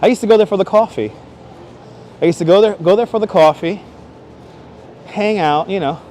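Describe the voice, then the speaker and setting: With a mellow voice that sits high, a livestream host talks at normal speed as he wanders busy Manhattan streets. His playful, exclamatory chat with viewers comes through a wireless clip-on mic over the sound of the outdoor city.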